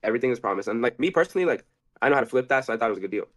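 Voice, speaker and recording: As an interview guest, a man tells a rambling story at a rapid clip, cursing a lot and often restarting. His voice is mid-range, animated and fairly bright.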